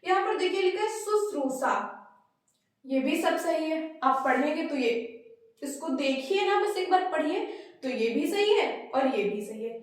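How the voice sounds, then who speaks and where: High-voiced woman teaching in an echoey room. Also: animated. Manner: explains step by step, repeats each word slowly. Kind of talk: spelling lesson for exam students. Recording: very echoey room, voice far from mic.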